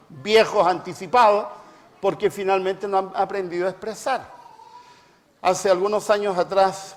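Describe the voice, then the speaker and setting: A middle-aged man preaching a reflective talk with personal anecdotes, emphatic and repeating phrases for stress, in a hall with a long reverb. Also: high-pitched. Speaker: preacher and family therapist.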